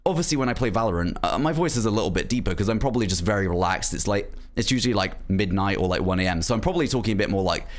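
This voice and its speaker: A young man with a lowish voice streams to his viewers, talking very fast and animatedly with few pauses. His casual chat rambles along, packed with "like" and "um," and he laughs easily.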